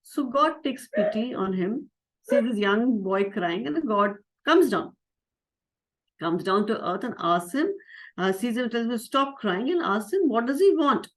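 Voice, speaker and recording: A woman, a spiritual teacher telling a moral story to children, gentle and questioning with many fillers. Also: on the high side, lively intonation, unhurried.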